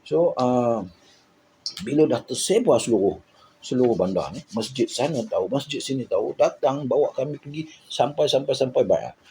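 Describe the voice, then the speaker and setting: A man from Malaysia with a Malaysian accent, casually recounting his journey in an animated way, repeating words and acting out the people he quotes. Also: mid-range voice, moderate pace, a little hiss or hum, rough recording. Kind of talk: casual storytelling.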